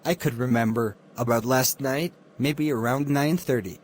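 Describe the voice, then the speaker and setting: A man's voice: medium pitch, moderate pace, natural voice. A man playing an ordinary, unsure neighbour giving a witness statement in a murder mystery film. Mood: hesitant.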